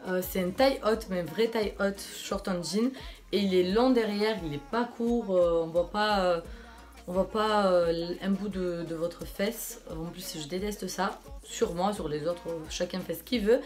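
A woman's voice: mid-range voice, measured pace, darkish tone, soft background music. A young woman from France chatting casually through a clothing try-on haul, enthusiastic and full of fillers. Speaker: fashion vlogger.

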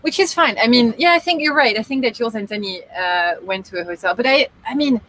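Speaking quickly in a slightly bright, higher voice, this woman co-hosts a casual sailing-channel livestream from a boat's cockpit in a marina outdoors. She's chatty but hesitant, restarting often and using fillers. The audio is poor and has a webcam quality.

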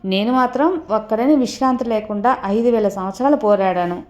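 A woman voicing a calm, stately male god in a devotional story, speaking in a measured, commanding way. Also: fairly high pitch, close to an everyday voice.

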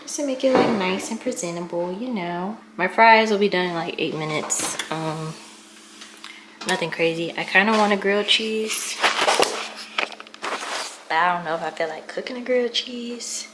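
This young vlogger, breathless from housework in her small apartment, chats casually with viewers as a camera mic follows her around. She speaks at a moderate pace with a medium-pitched voice, and the room sounds echoey and noisy.

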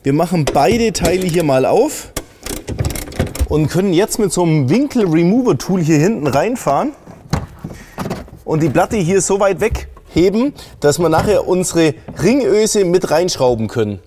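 A man's voice: sits high, lively intonation, measured pace, noisy background. A middle-aged man explaining a car audio installation step by step in a casual, plain way while he works in a workshop. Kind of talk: hands-on installation tutorial.

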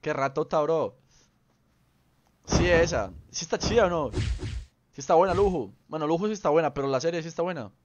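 A young man streaming a game, his voice sitting a little high for a man. He talks in loose slang and teases the people he plays with. A faint hiss sits under his voice. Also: expressive, moderate pace, long pauses. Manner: slangy, teasing, greets viewers by name. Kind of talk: casual live-stream chat.

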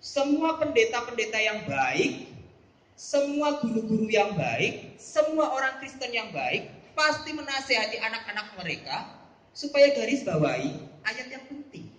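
A man's voice: very high voice, big pitch swings, unhurried, fairly bright tone, echoey room, poor audio. A man teaching a Bible lesson to children, playful, calling on pupils by name and quizzing them.

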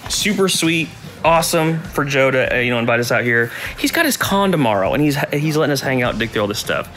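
A man hosting a video game collecting vlog, chatting excitedly as he digs through a hot Florida warehouse. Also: mid-range voice, brisk, a little hiss or hum. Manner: excited and enthusiastic. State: sweating in the heat. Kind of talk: casual vlog chat.

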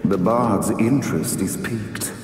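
An actor playing a grandiose playwright who narrates a game in a stagy, declamatory way. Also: male voice, fairly low pitch, unhurried, darkish tone, close to an everyday voice. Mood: dramatic. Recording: roomy, distant, noisy game audio.

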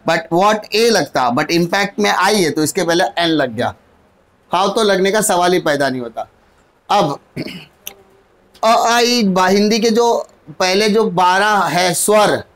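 A high-pitched Indian man teaching English grammar in a mix of Hindi and English, taking his time and drawing out each word. He addresses students fondly as "my dear" and asks his own questions before he answers them. He spells key phrases out one word at a time. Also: fairly bright tone. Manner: spells out letters and words slowly, one at a time.

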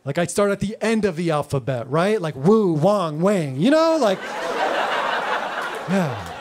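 A man's voice: high-pitched, big pitch swings, a little slow, a little mellow, slight background noise. A man in his thirties doing a live stand-up routine, loose and rambling, full of filler words. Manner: loose, rambling delivery full of "like" and "you know". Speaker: stand-up comedian. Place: comedy club. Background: audience laughter.

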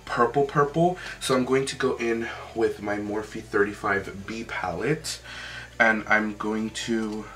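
A man's voice: fairly low pitch, fairly even intonation, slow pace, bright, forceful tone. A young man giving a casual, chatty makeup tutorial in an informal way, with lots of "like". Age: young adult. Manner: chatty, informal, often says "like". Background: music.

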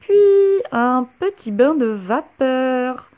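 A woman's voice: sits high, very animated, drawn-out words, narrow, tinny audio, exaggerated voice. A woman voicing a sneaky, mean witch in a children's story, sly and snickering. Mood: sneering.

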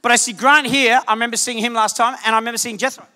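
A male guest preacher giving a lively, jokey sermon to a congregation, punching points with sudden loud bursts. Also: very high-pitched, very fast. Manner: animated, jokey, shouts for emphasis. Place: church sanctuary. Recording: church hall reverb.

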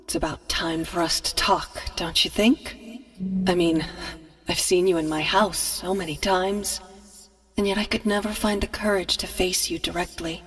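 An actress voicing a quiet, haunting woman in a video game who speaks slowly, softly and in a measured way. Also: fairly low pitch, fairly even intonation, husky, soft background music. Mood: eerie calm. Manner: slow, soft and measured.

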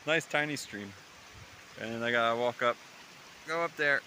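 A man on a solo hike narrates a casual vlog into a handheld phone or camera as he walks through windy, open mountain terrain, chatty and often chuckling or exclaiming in wonder. His medium-pitched voice is sharp in tone and measured in pace, and the outdoor recording is noisy with clicks.

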